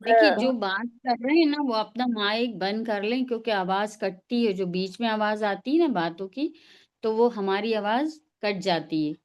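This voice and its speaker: A tajweed teacher with a medium-pitched voice leads an online pronunciation class over a video call, and the sound is lo-fi. She patiently models each sound so her students can repeat it.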